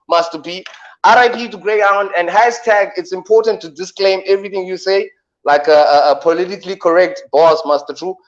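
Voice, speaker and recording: A South African radio co-host with a deep voice jokes around in playful banter, dragging out each punchline, heard through lo-fi sound.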